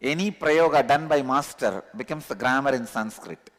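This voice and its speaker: A man with a thick Tamil Indian accent, a native Tamil speaker, giving a religious discourse as a spiritual teacher, emphatically repeating key words with pauses. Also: medium pitch, fairly bright tone. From Tamil Nadu, India. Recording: long hall reverb.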